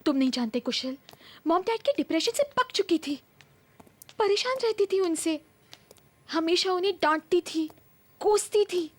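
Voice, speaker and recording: A woman's voice: very high voice, animated, normal speed, pauses often. An actress playing an anxious young woman who pleads to be believed in a TV horror drama. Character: frightened young woman, grieving daughter. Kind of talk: Hindi TV horror drama acting. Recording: music score behind the voice.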